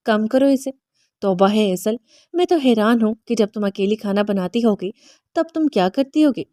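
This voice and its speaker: A woman reading the lines of a brisk middle-aged mother-in-law scolding her daughter-in-law. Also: mid-range voice, lively intonation, mellow, no room sound, studio quality, close to an everyday voice. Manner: scolding, bossy.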